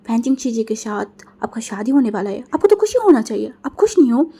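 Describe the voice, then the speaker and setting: A cheeky young man teases and mocks with bright, raised delivery in a storybook reading, as a woman puts him on. The voice sits high and breathy. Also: very animated, quick pace, heavily acted. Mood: teasing. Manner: mocking, teasing.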